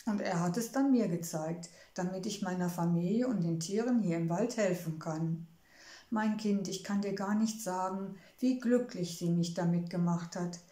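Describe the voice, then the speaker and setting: A gentle, motherly gnome wife from a storybook, as a woman reader puts her on, soft-spoken and wistful. Her mellow, warm tone sits in a roomy, echoing space. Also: lowish voice, normal speed, natural voice. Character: kindly motherly female gnome, homebody. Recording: roomy echo.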